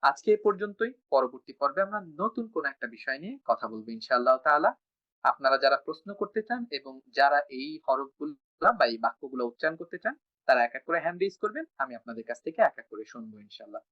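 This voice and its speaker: A man teaching Quran recitation rules in an online class, slowly chanting example words between explanations. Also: mid-range voice, sing-song, muffled recording. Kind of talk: online tajweed lesson.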